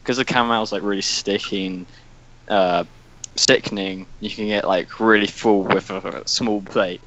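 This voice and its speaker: A man's voice: fairly low pitch, fairly even intonation, normal speed, a bit bright, poor audio. A man chatting on a podcast with dry, brief reactions. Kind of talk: casual chat.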